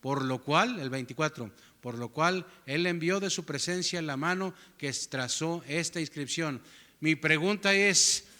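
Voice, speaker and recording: Bright-voiced male pastor preaching in an echoing church. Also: a little high, measured pace, few pauses. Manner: preaching with rhetorical questions to the congregation. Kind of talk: sermon. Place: church sanctuary.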